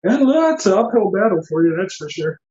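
Easygoing massage therapist guy, kinda high voice, echoey dull sound. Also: sing-song, a little fast, a little mellow. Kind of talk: casual podcast conversation.

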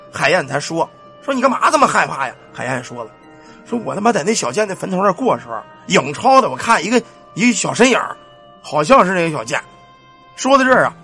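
A man's voice: high voice, bright, forceful tone, breathy edge. A man telling a village ghost story in a colloquial, earthy way, with casual cursing and sound effects. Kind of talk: spoken ghost-story narration.

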